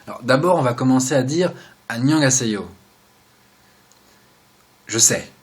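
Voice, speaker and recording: A young man hosts a relaxed video lesson on sign basics, chatting and joking at an unhurried pace. His pitch is an ordinary middle one, and he often trails off into quiet asides between explanations.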